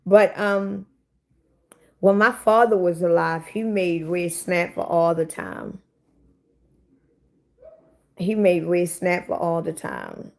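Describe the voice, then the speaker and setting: A woman's voice: lowish voice, big pitch swings, slow, gravelly, pauses often, a little mellow. Blunt, profane woman in her forties. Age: 40s. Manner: blunt, profane, talks back to commenters. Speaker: livestream host. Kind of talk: casual livestream chat with viewers.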